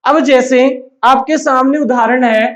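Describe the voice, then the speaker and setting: A man's voice: very high-pitched, fairly even intonation, unhurried, a bit bright. A man teaching a grammar lesson to a class, asking questions and answering them himself and repeating the key words. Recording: dull, echoey room recording.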